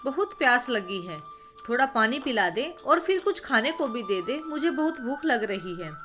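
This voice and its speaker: Frail, pleading old village man for a storybook, read by a woman, higher voice over background music. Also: very animated, moderate pace, fairly bright tone. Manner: pleading, then earnest and heartfelt.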